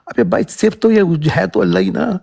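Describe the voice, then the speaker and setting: A man's voice: high voice, gravelly, darkish tone, husky, no room sound, studio quality. A man in a heated religious debate, arguing insistently and cutting in. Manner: argumentative, insistent, interrupting.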